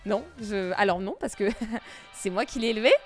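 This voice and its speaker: A woman's voice: mid-range voice, moderate pace, soft background music, close to an everyday voice. A woman doing a stubborn underworld queen. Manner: flat, blunt refusals.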